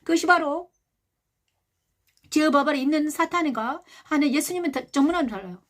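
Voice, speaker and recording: A middle-aged woman pastor giving a sermon, emphatic, asking rhetorical questions and softly voicing tender words of comfort. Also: high-pitched, expressive, fairly quick. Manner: softly quotes a gentle, loving voice of God.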